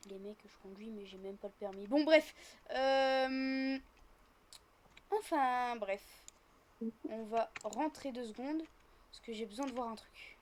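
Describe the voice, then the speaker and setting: Speaking at a measured pace in a mid-range voice, a female gaming roleplay host improvises a scene while playing. She is chatty and narrates each of her actions as she performs them.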